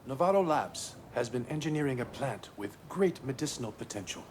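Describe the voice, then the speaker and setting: A man's voice: medium pitch, expressive, brisk, a little mellow, slight background noise, close to an everyday voice. A man playing an earnest, conciliatory male lab leader in a mystery video game. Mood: explaining. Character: ailing, earnest man who leads a laboratory.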